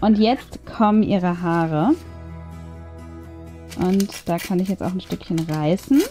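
A craft video host talks through her tutorial in a casual, chatty way, thinking aloud as she works. Her voice sits on the low side, slow and dark in tone, with music playing behind her.

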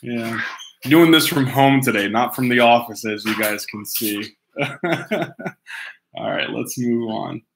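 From a room at home, a Hawaiian man in his thirties hosts a fan-mail segment, reading viewer letters to camera in a casual, easily distracted way, laughing a lot and restarting sentences. His mid-range voice is slow and creaky, with background noise and dogs barking now and then.

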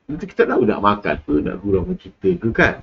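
A man's voice: on the low side, wildly swooping pitch, fast talker, highs cut off, slight background noise. A man with a Malaysian accent lecturing a class in a casual, rambling way, full of fillers and asides. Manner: rambling, with many fillers and laughs.

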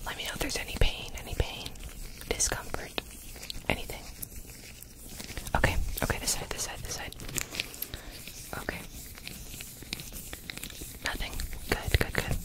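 A young woman in her twenties doing a fast ASMR whispered role-play as a brisk medical examiner, giving clipped, repetitive instructions close to the mic. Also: poor audio. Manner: fast, brisk, clipped ASMR delivery with repeated short words. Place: small indoor room with gaming chair. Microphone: desk microphone close in front of her.

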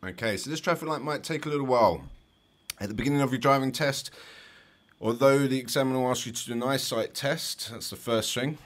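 A man's voice: medium pitch, a little fast, fairly bright tone. A man with a London accent, a driving instructor giving chatty, explanatory commentary over driving test footage with light jokes.

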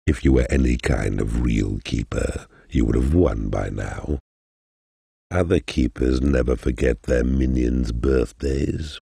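An actor playing a huge, sinister demonic mentor in a video game, giving sardonic, drawn-out advice in a gravelly, husky growl. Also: male voice, very deep voice, warm tone, no room sound, clean studio sound, exaggerated voice. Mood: deadpan, mocking. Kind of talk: scripted video game narration.

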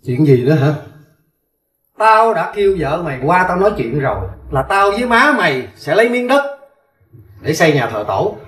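A man's voice: on the high side, big pitch swings, moderate pace, fairly bright tone. An actor playing an angry, domineering older rural father-in-law with a Southern Vietnamese accent, scolding and commanding. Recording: roomy, distant mic.

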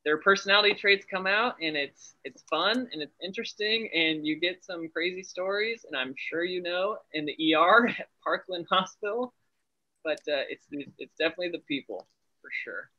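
Bright, upbeat young man on a video call. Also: high voice, normal speed. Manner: upbeat, chatty, laughs easily. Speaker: Air Force family medicine resident. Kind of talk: casual video-call interview. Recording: dull video-call audio.

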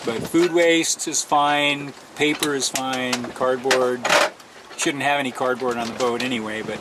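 A man's voice: mid-range voice, fairly even intonation, unhurried. An older man casually explaining life at sea on a sailboat, talking easily while he films. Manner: easygoing, explains plainly while filming. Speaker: sailing vlog co-host. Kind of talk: casual chat. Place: cockpit of a sailboat at sea, outdoors. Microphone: camera mic. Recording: camera audio with clear wind and sea noise.

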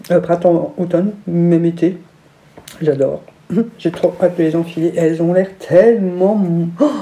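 A woman's voice: lowish voice, warm tone. A woman vlogger chatting casually through a haul review, gushing with enthusiasm over each item.

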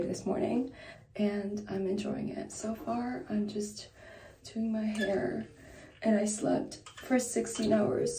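Twenties woman rambling about her trip, warm low-key voice, echoey room. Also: slight background noise. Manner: chatty, upbeat, run-on storytelling. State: groggy, just woke up, soft low voice. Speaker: travel vlogger. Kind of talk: casual travel vlog narration.

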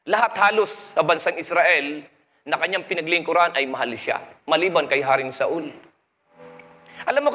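A man's voice: sits high, bright, forceful tone. A Filipino man, preaching a sermon with joking stories and English phrases, recorded in an echoey hall. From Philippines. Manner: storytelling with jokes, switching to English.

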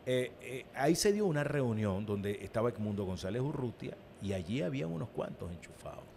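A man's voice: mid-range voice, very animated, a little fast, creaky, darkish tone, a little hiss or hum. A Venezuelan man, an opposition party leader, speaking as a guest in a political interview, emphatic and given to repeating his words.

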